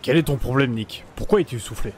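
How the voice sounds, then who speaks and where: A man's voice: medium pitch, fairly quick, lightly acted. A man playing an irritated, disbelieving neighbour in an audio horror drama, scolding and dismissive. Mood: sceptical.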